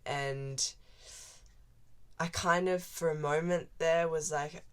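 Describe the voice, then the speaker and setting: A teenage vlogger from Central Australia chats casually to camera, rambling from thought to thought with lots of "like". Her voice is low for a young woman, smooth and slow-paced, and she sounds relaxed and unscripted, as if in her first vlog.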